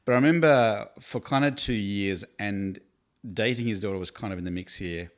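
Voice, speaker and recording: An Australian man from Tasmania, roughly in his forties, speaks at a moderate pace in a voice on the low side. He's a campus ministry worker appearing as an interview guest, casually telling his own stories in a chatty way with self-deprecating laughs.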